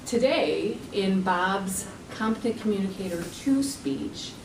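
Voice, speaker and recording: A woman giving a formal, deliberate podium introduction of the next speaker. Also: medium pitch. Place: meeting room at a podium. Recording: echoey room, distant mic, clear background noise.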